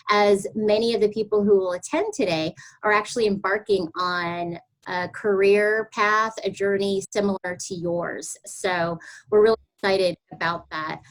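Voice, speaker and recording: A woman hosting an online artist webinar over a video call, introducing her guest effusively with many pauses and fillers. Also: mid-range voice, poor audio. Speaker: host of online workshop. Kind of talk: webinar interview.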